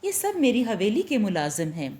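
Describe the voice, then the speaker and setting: A woman's voice: medium pitch, wildly swooping pitch, moderate pace, a little mellow. A sweet, tender witch-girl, as a woman reads her. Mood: gentle. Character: young woman turned witch, loving, possessive.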